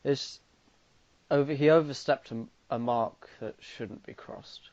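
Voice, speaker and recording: A man's voice: medium pitch, a little slow, darkish tone, no room sound. A young man with an Irish accent co-hosting a podcast, cracking dry jokes and hesitating with fillers. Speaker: podcast co-host. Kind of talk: casual chat. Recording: dull lo-fi dry sound.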